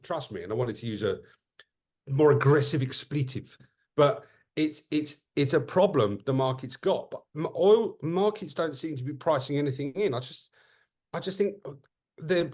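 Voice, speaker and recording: A man co-hosting a podcast, chatting casually and jokily, often restarting his sentences. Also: on the high side. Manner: animated, self-interrupting, jokey. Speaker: podcast co-host. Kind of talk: casual market chat.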